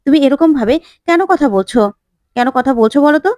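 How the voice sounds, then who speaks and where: A woman's voice: high-pitched, animated, quick pace, darkish tone, no echo. Casting: woman doing a stern protective father figure, lecturing, dry close. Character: stern protective man of the house.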